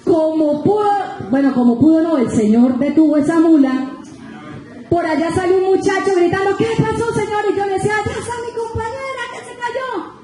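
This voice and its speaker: A woman with a Colombian Spanish accent, a guest preacher, telling a testimony story in an animated, storytelling way to the congregation. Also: extremely high pitch, fairly quick, faint music behind. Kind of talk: sermon testimony. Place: large church sanctuary. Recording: very echoey church hall.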